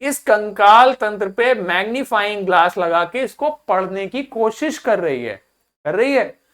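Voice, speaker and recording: A male English vocabulary teacher leads a pronunciation drill in class, speaking slowly and deliberately. He repeats each word several times, keeps asking students to say it back, and quizzes them patiently in a high, animated, slightly bright voice.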